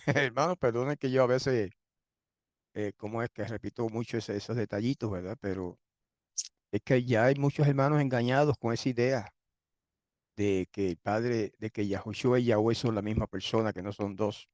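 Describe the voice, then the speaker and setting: A man teaching a sermon-style Bible lesson who often clears his throat, asks rhetorical questions and repeats points for emphasis. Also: mid-range voice, moderate pace, darkish tone, dry recording, studio quality.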